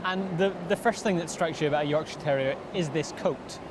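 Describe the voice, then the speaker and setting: A high-voiced male TV presenter puts friendly, prompting questions to his guests. The outdoor recording carries clear traffic and ambient noise. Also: brisk. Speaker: television show presenter. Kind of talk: interview questions. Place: outdoors at a dog show.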